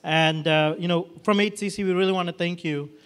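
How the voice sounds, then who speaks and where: Man, high voice, event host, halting and full of fillers, handheld mic in a big hall. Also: steady tone, a bit bright, smooth. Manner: halting, many restarts and fillers. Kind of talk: unscripted event hosting. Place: large hall with red walls and a projection screen. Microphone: handheld microphone.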